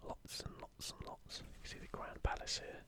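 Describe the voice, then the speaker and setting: Softly whispering in a breathy, unvoiced way, an ASMR host offers hushed, unhurried commentary full of rambling asides.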